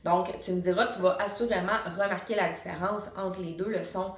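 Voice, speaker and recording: A woman's voice: lowish voice, steady tone, fairly quick, reverberant, a little hiss or hum. A woman, a singing teacher giving a chatty, explanatory online singing lesson. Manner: chatty and explanatory, many fillers. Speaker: singing teacher and vocal coach.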